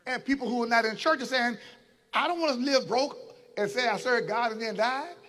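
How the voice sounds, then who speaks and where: Preacher man, piercing bright tone, drops low then shouts back at the congregation. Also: fairly quick. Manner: call-and-response preaching, swinging from low asides to shouts. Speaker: bishop preaching. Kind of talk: sermon.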